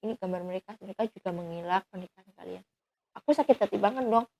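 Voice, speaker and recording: A woman's voice: medium pitch, fast talker, creaky, dark tone, poor audio. A young woman, telling her own story as a guest in an earnest, pleading way that often trails off into fillers. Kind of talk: emotional personal account.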